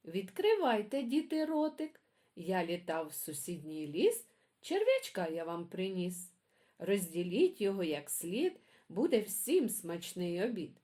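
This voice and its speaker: Жінка озвучує дбайливого тата-сороку, що лагідно кличе діток. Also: female voice, mid-range voice, very animated, a little slow, dark tone. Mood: caring. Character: caring father magpie feeding chicks.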